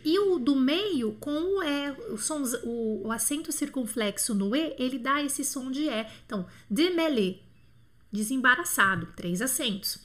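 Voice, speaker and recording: A Brazilian woman teaching French in a live online lesson, chatty with scattered asides, slowing right down to sound out example words. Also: high voice, expressive. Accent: Brazilian Portuguese. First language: Portuguese. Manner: chatty, scatterbrained asides, drawn-out slow word demos.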